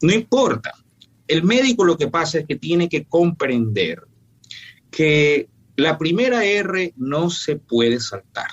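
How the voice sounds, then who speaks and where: A man speaks as a doctor in an interview, his voice husky and pitched a little high. He explains in a firm, teacherly way, listing his points one by one. The recording sounds dull and lo-fi. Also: very animated, slow pace. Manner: emphatic, didactic, lists points firmly. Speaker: functional medicine doctor.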